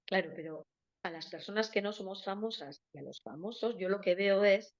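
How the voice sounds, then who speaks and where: A woman's voice: mid-range voice, a little fast. A woman co-hosting a podcast, mostly giving short replies and then pressing her point emphatically. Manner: brief back-channel replies, then emphatic. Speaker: podcast co-host. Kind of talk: casual conversation. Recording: slightly dull lo-fi sound.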